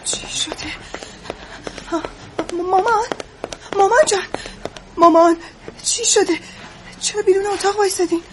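An actress playing an affectionate adult daughter who coaxes and calms her mother in a radio drama. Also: high-pitched, slight background noise. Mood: alarmed. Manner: soothing, affectionate, coaxing.

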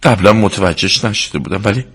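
Playful young husband in a radio play, deep husky voice, lively pitch. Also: male voice, full character voice. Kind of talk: radio drama acting.

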